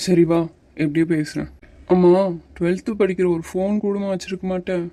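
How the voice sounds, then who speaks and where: A woman voicing a calm, teasing young male hero in a cartoon series. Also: lowish voice, fairly quick, no echo, natural voice. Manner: teasing, patient, a little bossy. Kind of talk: Tamil cartoon series voice acting.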